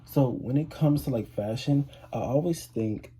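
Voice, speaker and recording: A man's voice: medium pitch, measured pace, warm tone, husky. An eighteen-year-old man chatting casually to camera as a vlogger, rambling with lots of fillers and restarts. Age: 18, teenager. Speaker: vlogger, high school student.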